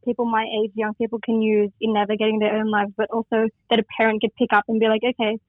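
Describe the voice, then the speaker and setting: Over a tinny, dry phone line, a young woman poet from Western Sydney, Australia, talks fast in a fairly high voice with completely flat delivery. As the interview guest, she comes across as enthusiastic and reflective.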